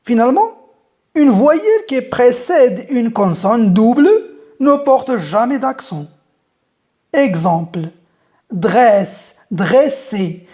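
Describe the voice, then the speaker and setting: In a dark-toned, highish voice full of animation, a woman gives a French grammar lesson, talking straight to her viewers. She is patient, slow and deliberate, spelling letters out one by one.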